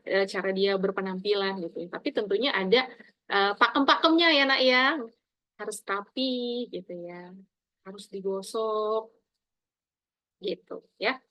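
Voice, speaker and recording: A middle-aged woman lecturing her students, speaking in an animated, emphatic way and addressing them fondly as her children. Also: normal speed, dry recording, poor audio. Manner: animated, addresses listeners as "Nak", emphatic swings in pitch and loudness.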